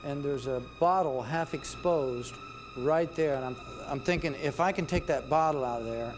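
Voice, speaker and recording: A middle-aged American man hosting a comedy show, delivering a halting, rambling stage monologue and repeating his phrases. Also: a little high, music in the background. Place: small indoor stage with painted backdrop.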